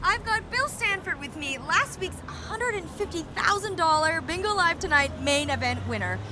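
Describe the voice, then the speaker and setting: A woman's voice: very high voice, expressive, moderate pace, music in the background. A woman co-hosting a TV bingo show, doing upbeat interviews on location with street noise around her. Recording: clear outdoor traffic noise.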